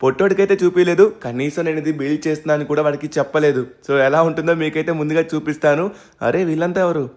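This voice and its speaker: A man voicing a hard-working young hero who narrates to viewers and flares up fast, in a game role-play dub. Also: fairly high pitch, fairly even intonation, darkish tone, natural voice. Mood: calm. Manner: talks straight to viewers, quick to anger. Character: hard-working young man defending his tree house. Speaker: main character and narrator.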